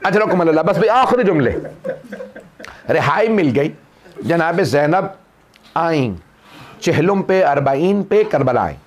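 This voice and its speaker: A man's voice: on the high side, lively intonation, unhurried, pauses often. A man, a cleric, recites a mourning sermon, narrating a lament and rising into wailing cries. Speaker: Shia cleric reciting a majlis.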